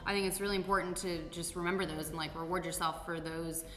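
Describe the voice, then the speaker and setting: A woman from San Diego, California, with a Californian American accent hosts a vlog, chatting casually and candidly in a Q&A with informal, sweary phrasing. Her voice is fairly low and a bit bright, quick-paced with fairly even intonation, recorded in an echoey, reverberant room with music underneath.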